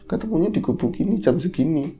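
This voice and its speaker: Brief: man doing a seductive female jinn in a spoken horror tale, coy, quietly demanding, warm and mellow. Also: on the high side, animated, fast, pitched above the performer's own voice.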